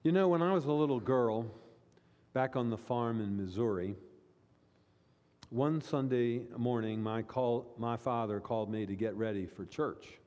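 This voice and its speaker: A man's voice: medium pitch, measured pace, a little mellow, in a large hall, lightly acted. A preacher voicing a wistful old woman. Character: elderly woman in a nursing home, wistful.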